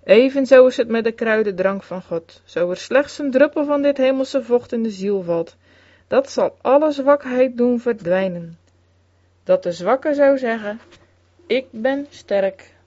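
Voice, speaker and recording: A woman's voice: on the high side, animated, warm tone, no room sound. Woman reading an old sermon solemnly. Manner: solemn, measured reading with archaic phrasing. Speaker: sermon reader. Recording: dull, lo-fi recording, dry.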